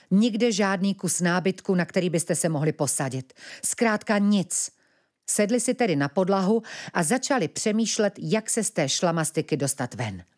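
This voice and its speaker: A woman narrates a children's audiobook with expressive storytelling. Her voice sits lowish and moves with lively pitch.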